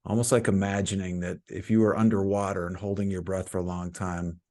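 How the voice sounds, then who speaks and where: With a deep voice, a man leads a guided meditation in the role of teacher. His guidance is soothing and calm, with regular pauses.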